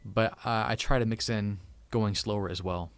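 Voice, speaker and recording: A tech channel host in his thirties streams live from a room at home, chatting casually and thankfully with viewers while often restarting and repeating words. His voice sits on the low side with fairly even intonation at a normal speed, and there's slight background noise.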